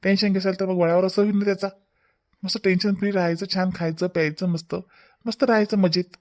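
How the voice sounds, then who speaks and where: A man voicing a rapid-talking village husband. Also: high-pitched, flat delivery, darkish tone, natural voice. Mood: advising. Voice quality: chatty, reproachful, explaining at length. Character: fussing young husband and brother-in-law, talkative. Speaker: cartoon voice actor. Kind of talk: cartoon family drama acting.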